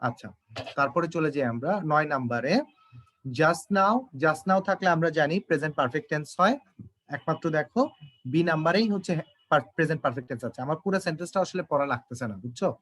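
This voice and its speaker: A man's voice: on the high side, lively intonation, a bit bright. Bangla-speaking man teaching English exam questions. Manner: explanatory, addresses students directly, slow when reading English. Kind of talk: exam-prep English lesson.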